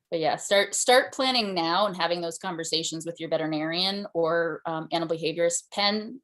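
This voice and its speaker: Woman presenter, lowish voice, easygoing Q&A answers on a call. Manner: conversational, with fillers and restarts. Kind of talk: conference Q&A answer.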